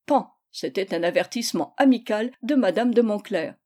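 A woman narrating a classic children's novel in a steady, even reading voice. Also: mid-range voice, moderate pace. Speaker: audiobook reader. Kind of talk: storybook narration.

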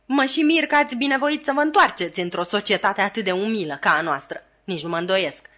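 A woman voicing a sharp-tongued, sarcastic, bossy housewife who scolds in a shrill voice. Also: expressive. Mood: sarcastic scolding.

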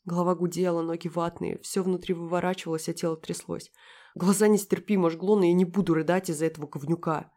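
A woman reading first-person audiobook narration in a quiet, intimate, emotionally engaged way. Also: fairly low pitch, fairly even intonation, fast talker.

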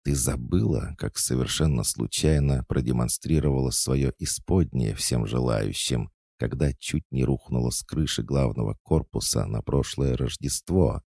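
A man's voice: very deep voice, normal speed, gravelly, few pauses, darkish tone, dry recording, studio quality, exaggerated voice. A man voicing a cold, commanding young noblewoman, an elder sister, in an audiobook, with a somewhat lifted voice. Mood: cold threatening. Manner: cold, threatening.

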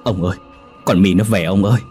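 A man voicing a shrill scheming mother-in-law. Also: fairly even intonation, fast talker, soft background music, close to an everyday voice. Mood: terrified. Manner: sharp, scolding, melodramatic wailing.

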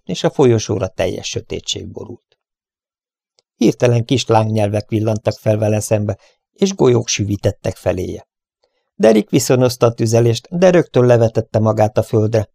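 A man reading an adventure story aloud in a steady storytelling manner. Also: lowish voice, gravelly, no room sound, clean studio sound. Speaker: audiobook narrator. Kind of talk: scripted adventure narration.

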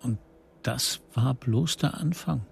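A man narrating a radio drama in a reflective, measured way. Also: medium pitch, gravelly, a little hiss or hum. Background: music.

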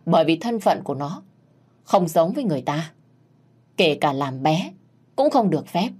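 A woman playing a gruff old patriarch. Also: low-pitched, big pitch swings, normal speed, a little mellow, heavily acted. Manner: gruff, decisive. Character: old grandfather, stern family patriarch.

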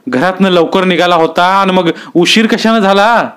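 A man's voice: high-pitched, normal speed, fairly bright tone, smooth, voice pushed up. A man voicing an old village elder who scolds and then asks anxious questions in a storybook reading. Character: frightened old village elder, sharp-tongued.

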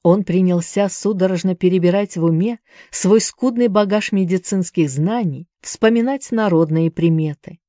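A woman with a dark, mellow voice reads a novel aloud in steady scripted narration. The sound is dry and close, with no room around her. She leans into the dialogue with firm emphasis. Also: fairly low pitch, normal speed, dry recording. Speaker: audiobook narrator.

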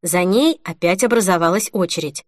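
A woman reading a novel aloud as an audiobook narrator, in an even, measured way. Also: fairly low pitch, no echo, studio quality. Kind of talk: scripted narration.

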